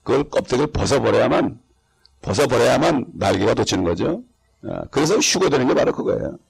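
Gravelly, husky-voiced man preaching. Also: medium pitch, big pitch swings, brisk. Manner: emphatic, rhetorical, frequent interjections asking for assent. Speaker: pastor. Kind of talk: sermon.

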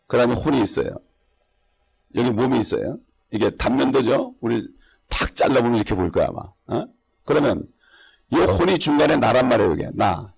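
A man's voice: a little high, vocal fry, breathy edge. A male pastor preaching a sermon, emphatic and rhetorical, often calling on the congregation for assent. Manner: emphatic, rhetorical, frequent interjections asking for assent.

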